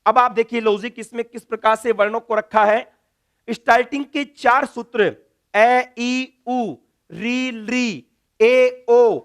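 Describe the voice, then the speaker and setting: A man's voice: very high-pitched, fairly bright tone, clear, resonant tone. A man teaching Sanskrit grammar in a classroom lecture, drilling letters one by one and answering his own questions.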